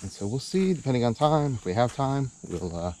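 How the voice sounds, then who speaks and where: A man hosting a camping channel narrates casually from a campsite, rambling and hesitant with easy chuckles over outdoor background noise. His medium-pitched voice is sing-song and a little mellow, moving a little fast.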